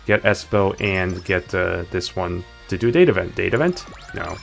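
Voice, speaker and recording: Low gravelly guy streaming a game, rambly and chill, music playing behind. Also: fairly even intonation, moderate pace. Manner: rambling, self-correcting, playful asides. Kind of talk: casual gameplay commentary.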